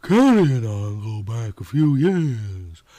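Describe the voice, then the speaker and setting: A man reads a story aloud, voicing a coy, flirtatious red-haired woman of about thirty-five with a Southern US drawl. His medium-pitched voice is slow, sing-song and dark in tone.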